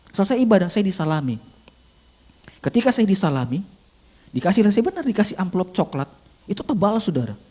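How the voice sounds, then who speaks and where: Brief: high, husky male pastor, lively storytelling sermon. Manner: animated, addresses the congregation as "saudara".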